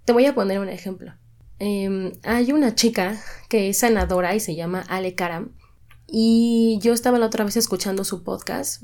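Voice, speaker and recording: A woman's voice: mid-range voice, mellow. A young adult woman with a Mexican accent, hosting a podcast and giving chatty, encouraging advice, often repeating herself for emphasis. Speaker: podcast host and style coach. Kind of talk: casual motivational talk.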